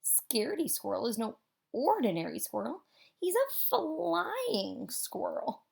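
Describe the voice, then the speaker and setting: A woman reads a children's picture book aloud in an expressive, theatrical way, with dramatic pauses and emphasis. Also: on the high side, vocal fry, slightly rough.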